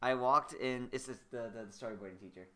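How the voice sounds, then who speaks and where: A man's voice: medium pitch, quick pace, bright, forceful tone. A young man streaming a video game, chatting casually and rambling through stories. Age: young adult. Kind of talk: casual let's-play chat.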